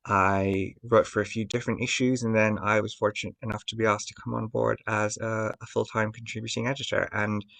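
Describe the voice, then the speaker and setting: A man from Bangladesh, a contributing editor, telling his own story in a soft-spoken way with frequent um fillers. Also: fairly low pitch, gravelly. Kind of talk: personal testimony.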